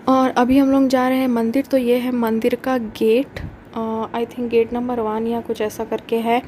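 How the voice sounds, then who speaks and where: A woman's voice: fairly high pitch, level tone, unhurried, dark tone, a little hiss or hum, poor audio. A young woman chatting through a family travel vlog, sprinkling English words into her talk. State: feeling feverish, speaking softly. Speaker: vlogger. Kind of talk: casual travel vlog chat.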